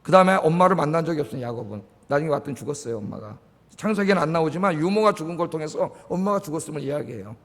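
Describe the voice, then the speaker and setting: A male pastor preaching a sermon, telling the story with lively acted-out quotes. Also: high-pitched. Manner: animated storytelling, acts out quoted lines. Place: church sanctuary. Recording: reverberant church hall.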